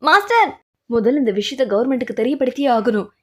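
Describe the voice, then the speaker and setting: A woman dubbing drama dialogue in a fan dub, with brisk, plain delivery. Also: high-pitched, big pitch swings, a little mellow. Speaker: voice dubber.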